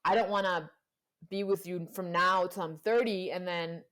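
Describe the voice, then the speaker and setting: A woman's voice: on the low side, steady tone, moderate pace, fairly bright tone. A young woman guest in a casual chat, telling a personal story full of "like" fillers and acted-out quotes. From Panama and Colombia. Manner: storytelling, acts out quoted voices, many "like" fillers.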